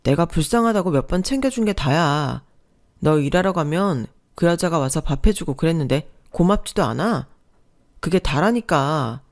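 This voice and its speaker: A woman's voice: deep voice, animated, moderate pace. A woman voicing a sulky, self-pitying husband who talks in a defensive, whiny way.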